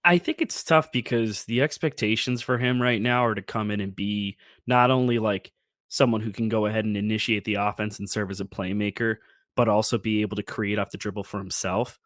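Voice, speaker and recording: A man co-hosting a casual sports podcast, talking in an easygoing, relaxed way with lots of fillers. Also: fairly low pitch, fairly quick, no room sound, clean studio sound. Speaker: podcast co-host.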